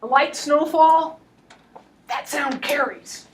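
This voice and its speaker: A woman lecturing on history as an animated story, with wry, laughing asides, recorded in a classroom. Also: high-pitched, slow pace, distant mic.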